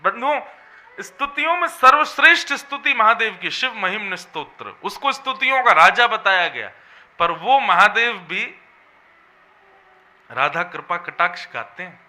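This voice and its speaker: A man's voice: sits high, lively intonation, unhurried, pushed and bright. A man giving a devotional sermon as a religious storyteller, preaching in an emphatic, melodic way. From Vrindavan region.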